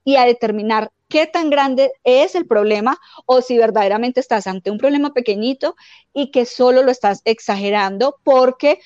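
A woman life coach giving calm, explanatory spiritual self-help advice, often acting out quoted dialogue. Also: a little high, normal speed, no echo, dull audio.

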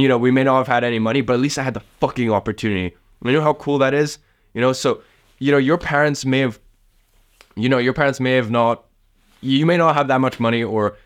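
A man's voice: mid-range voice, clean tone. A young man in his late teens from the south of Russia, giving casual motivational advice to camera, rambling and swearing often. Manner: rambling, swears often, heavy use of fillers. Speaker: vlogger giving life advice.

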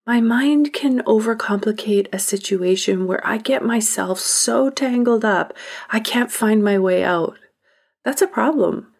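A woman hosting a podcast, speaking a reflective monologue in a deliberate, emphatic way that sometimes drops to a whisper. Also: mid-range voice, darkish tone. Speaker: podcast host.

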